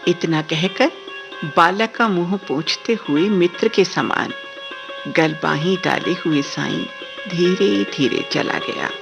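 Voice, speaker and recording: A woman reading a story aloud for a radio drama reading, measured and expressive. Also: lowish voice, vocal fry, music in the background. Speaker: story reader.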